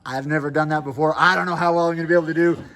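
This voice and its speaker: A man giving a casual motivational talk to camera, emphatic, pausing and repeating phrases. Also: fairly high pitch, fairly even intonation, a bit bright, a little hiss or hum. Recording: music behind the voice.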